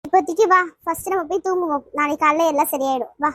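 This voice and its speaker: A woman's voice: high-pitched, rapid-fire, dry recording, studio quality, lightly acted. Woman voicing a caring young woman friend. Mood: soothing. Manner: soothing, reassuring. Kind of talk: cartoon voice acting.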